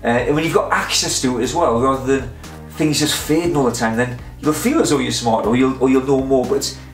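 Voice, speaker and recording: A man's voice: medium pitch, a little fast, echoey room, faint music behind. A man vlogging in casual, meandering talk to his camera, full of fillers and restarts. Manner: chatty, meandering, self-interrupting with fillers.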